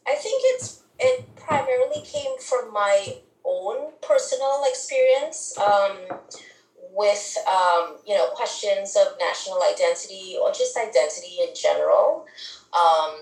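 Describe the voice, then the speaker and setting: A middle-aged woman from Trinidad, a philosophy professor, talks reflectively in an interview, with many pauses and restarts. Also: mid-range voice, expressive, darkish tone, reverberant, rough recording. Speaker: guest author, philosophy professor. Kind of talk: academic interview conversation.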